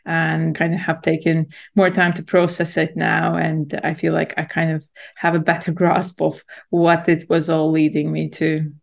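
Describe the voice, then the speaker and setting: A woman in her thirties who grew up in Latvia tells her own story as a podcast guest. Her voice sits a bit low with a noticeable gravelly edge. She talks reflectively, circling back with fillers as she remembers. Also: monotone, moderate pace. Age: 30s. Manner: reflective, many fillers and restarts. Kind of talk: conversational storytelling.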